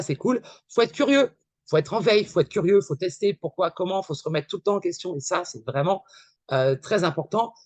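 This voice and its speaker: A man giving a casual conference talk with slides, talking fast and emphatically and repeating his points to the audience. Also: on the high side, no echo. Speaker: conference speaker.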